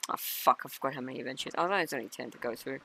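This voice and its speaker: A man's voice: medium pitch, rapid-fire, gravelly, bright, forceful tone, no room sound. A man giving casual, joking and sometimes profane livestream commentary on games. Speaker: streamer and game developer.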